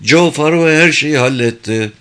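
Man doing a hard-nosed mom, firm and clipped, higher pitched, bright tone. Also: measured pace. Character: tough determined mother, a former judge.

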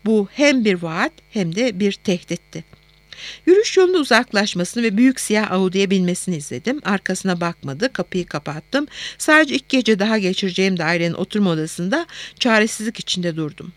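A woman narrating a first-person novel as an audiobook, quiet and introspective. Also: medium pitch, sing-song, brisk, no echo.

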